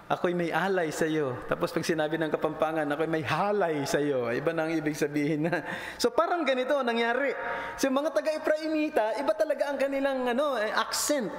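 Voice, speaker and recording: A man preaching a sermon as pastor, switching between Tagalog and English and lifting and dropping his voice to stress points. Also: brisk. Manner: mixes Tagalog and English, rises and drops pitch for emphasis. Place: church sanctuary. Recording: echoey church hall with faint noise.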